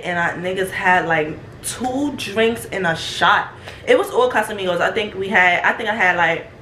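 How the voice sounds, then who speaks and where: A woman's voice: on the low side, reverberant, slight background noise. A young woman telling a casual, profane storytime about her pregnancy to her viewers. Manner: slangy, profane, animated, breaks into laughter. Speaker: vlogger.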